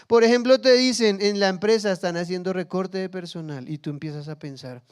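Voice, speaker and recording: High-voiced pastor preaching. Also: male voice, brisk, clean tone. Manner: humorous, acts out everyday scenes in quoted voices. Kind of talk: sermon.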